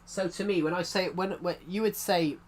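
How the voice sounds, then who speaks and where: There's slight background noise as a young man from the UK, outside London, streams games in a thick regional British accent. His high-sitting voice stays steady at a moderate pace, but his casual chat rambles, loops back on itself and restarts often.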